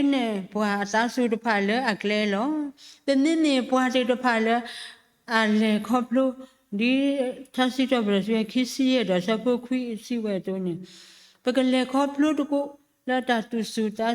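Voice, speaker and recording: A woman giving a spoken testimony at church, halting and full of fillers and repeated syllables. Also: fairly high pitch. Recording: long reverb of a church hall.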